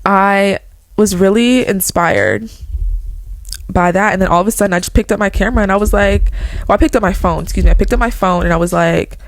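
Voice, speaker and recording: Here the same kind of casual motivational vlog comes from a woman in her twenties, speaking a little fast at medium pitch with no room sound. She rambles earnestly to her viewers, filling her talk with "like" and "okay."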